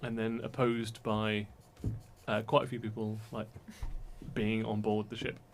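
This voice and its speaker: A man running a tabletop game as dungeon master, narrating in a relaxed way with many fillers. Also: lowish voice, a little slow, a little hiss or hum.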